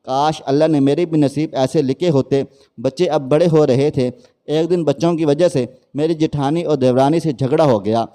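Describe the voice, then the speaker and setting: Man storyteller, slightly high voice, mellow dark tone, scripted narration in a woman's first person.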